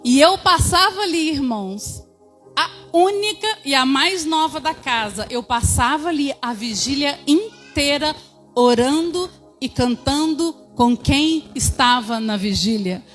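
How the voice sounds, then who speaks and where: A woman's voice: high-pitched, expressive, measured pace, a bit bright, soft background music. A woman in her fifties giving a church testimony, telling her story and addressing the congregation as brothers.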